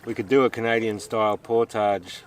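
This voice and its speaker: Man, lowish voice, jokey outdoor chat, loud water noise behind. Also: fairly even intonation, normal speed. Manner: chatty, laughs often, jokey. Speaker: vlog host. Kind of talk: casual chat on a camping trip. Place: outdoors on a lake.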